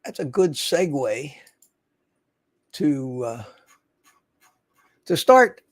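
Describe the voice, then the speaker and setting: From his home in Florida, a man in his seventies hosts a casual livestream, chatting in a rambling, folksy way and reading viewer comments aloud to answer them. His voice is on the high side and very animated, with drawn-out words and no room sound.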